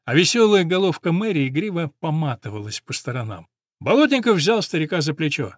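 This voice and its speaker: Male audiobook narrator, expressive, slightly high voice, dry booth. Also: fairly quick, no room sound. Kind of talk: audiobook reading of a story.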